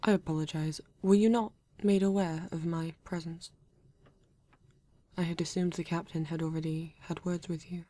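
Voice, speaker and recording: A woman voices a low, even-toned British male android, a newly awakened police detective who is formal and reserved. In this ASMR roleplay aimed at the listener, she sounds polite and restrained, phrasing things stiffly and deliberately with halting pauses. The sound is dry, with no room tone, and close to an everyday voice.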